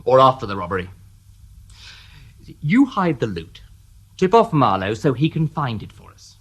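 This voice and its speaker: Wry detective inspector, dry, sardonic, animated voice, radio drama. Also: male voice, mid-range voice, normal speed, breathy edge. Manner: dry, sardonic, politely needling. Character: shrewd wry male police detective inspector.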